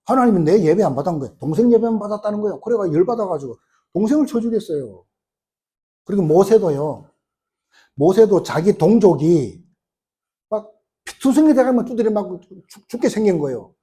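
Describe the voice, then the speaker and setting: Emphatic Korean preacher, high lively voice. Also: male voice. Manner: emphatic preaching with rhetorical questions; colloquial storytelling, retelling scenes. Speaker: pastor. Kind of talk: sermon.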